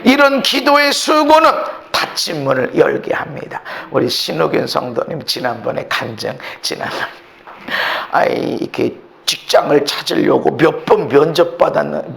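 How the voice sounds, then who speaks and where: A male pastor preaching a sermon with passion, swinging between shouted lines and hushed low ones. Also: big pitch swings, normal speed, vocal fry.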